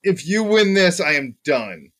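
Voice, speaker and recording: A man's voice: sits high, sing-song, measured pace, fairly bright tone. A man co-hosting a podcast, chatting casually about racing bets, rambling and joking with lots of ums. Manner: rambling, jokey, many ums. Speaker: podcast co-host.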